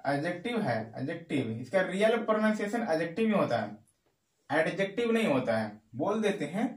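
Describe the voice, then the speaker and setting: High-voiced man teaching grammar, echoey. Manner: repeats key phrases slowly, asks and answers own questions. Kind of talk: classroom-style grammar lesson in Hindi. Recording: echoey room.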